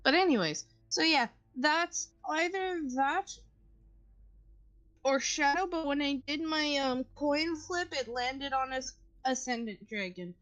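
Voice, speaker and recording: A woman player talks through her character in a casual tabletop session, with a high voice and a slow, unhurried pace. She sounds dry and firm in her opinions. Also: a bit bright. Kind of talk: casual tabletop game chat.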